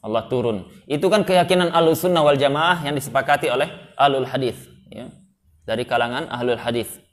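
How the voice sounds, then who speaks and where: Male preacher, mid-pitched voice, lecturing an audience with frequent "ya" and Arabic quotes. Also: fairly quick. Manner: frequent affirming "ya", quotes Arabic then explains; asks the audience questions. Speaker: Islamic preacher. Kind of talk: religious study lecture.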